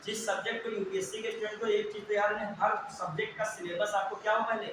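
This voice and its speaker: A young male teacher with a fairly high voice quickly fires recall questions at his class, then answers them himself. He's heard from afar in a very echoey room, with a steady hiss beneath the recording.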